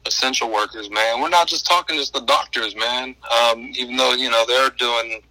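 A man's voice: medium pitch, moderate pace, pushed and bright, no room sound, low-quality recording. A man talking over the phone as podcast co-host in laid-back, agreeable casual chat.

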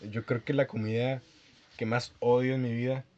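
A man's voice: mid-range voice, little pitch movement, normal speed, warm tone, slight background noise. A young Mexican man with a Mexican accent, co-hosting a podcast with playful, teasing banter. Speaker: podcast co-host. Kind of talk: casual chat. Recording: dull lo-fi sound.

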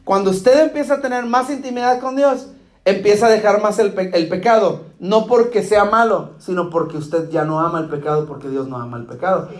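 High-voiced pastor preaching. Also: male voice, fairly quick. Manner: asks the congregation "¿Está conmigo?" again and again; acts out short dialogues with playful humor. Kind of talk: sermon. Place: church hall. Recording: echoey church hall.

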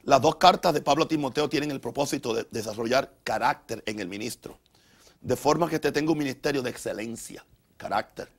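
A man's voice: medium pitch, a little fast. A man preaching a conversational teaching sermon as a pastor, often stumbling over and repeating his words. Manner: conversational, with frequent stammered repeats and fillers.

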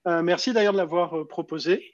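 A man's voice: a little high, fast, dry recording, highs cut off. A man hosting a casual live stream, chatty and stumbling over restarts while greeting viewers.

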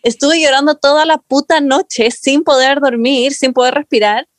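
A woman's voice: high voice, normal speed, no room sound. Young Chilean woman telling a story. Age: young adult. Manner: slangy, animated, quotes others. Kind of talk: casual storytelling chat.

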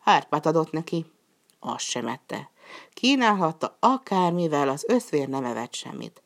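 Woman with a low voice reading a folk tale out loud, calm and steady. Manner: calm storybook reading, voicing characters' lines with raised pitch. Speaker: storyteller. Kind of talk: scripted folk tale narration.

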